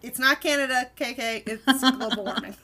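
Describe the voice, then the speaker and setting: This co-host has a fairly high voice and a fairly quick delivery. Reviewing a cartoon episode on the podcast, she chats casually with animated enthusiasm and guides the conversation.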